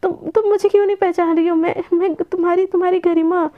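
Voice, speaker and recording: A woman's voice: very high voice, fairly even intonation, quick pace, pitched above the performer's own voice. A woman voicing a clingy young woman who pleads and stammers apologetically. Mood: pleading. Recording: dull lo-fi recording.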